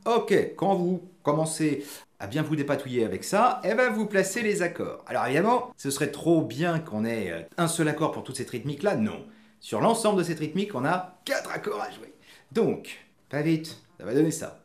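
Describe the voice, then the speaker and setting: A man's voice: on the high side, very animated, moderate pace. A man teaching a guitar tutorial, patiently explaining and chanting strum patterns aloud as he plays. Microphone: mic near the guitar. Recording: roomy room with his guitar playing.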